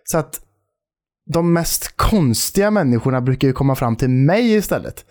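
Lively, animated swedish guy telling stories. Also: mid-range voice. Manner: lively storyteller, laughs while mimicking people. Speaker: podcast co-host. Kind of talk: casual chat.

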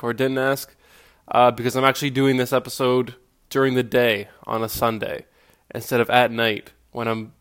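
A man's voice: mid-range voice, a bit bright. A young man hosting his own solo podcast, talking casually and self-deprecatingly, rambling with fillers. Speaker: podcast host.

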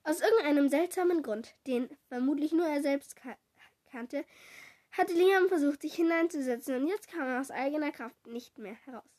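A woman slowly reading a children's storybook aloud, correcting small slips as she goes. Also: high-pitched, darkish tone. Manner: slow, deliberate reading with small self-corrections.

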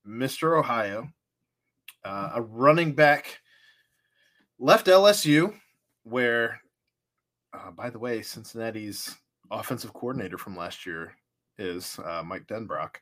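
Male host, mid pitch, conversational sports rundown, easy laugh. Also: lively intonation, slow pace, long pauses, a bit bright. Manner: steers the talk, rundown of college football news, laughs easily. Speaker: podcast host. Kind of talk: casual sports chat.

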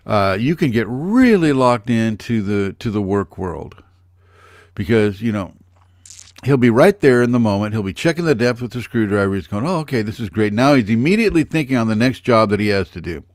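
A man's voice: lowish voice, animated, normal speed, no echo. Older man teaching on a dry video call. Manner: rambling, conversational, addresses viewers by name. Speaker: spiritual teacher. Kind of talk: live online spiritual teaching.

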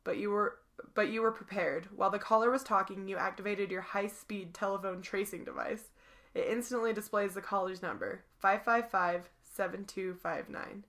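A woman's voice: medium pitch, steady tone, normal speed, fairly bright tone. A young woman co-hosting a podcast, reading a board game story aloud with giggles and playful asides. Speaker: podcast co-host.

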